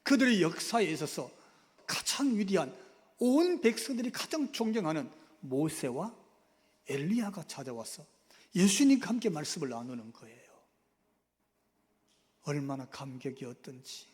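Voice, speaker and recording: A male pastor preaching a sermon, swinging from loud, emphatic outbursts to hushed, whispered asides. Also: on the high side, sing-song, normal speed, pauses often, in a large hall. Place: church sanctuary.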